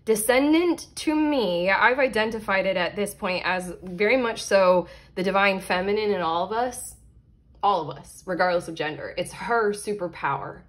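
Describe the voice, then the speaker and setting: A woman's voice: medium pitch, moderate pace, a bit bright. A woman giving a casual pick-a-card tarot reading as host of her own channel, talking frankly, swearing now and then and laughing at herself.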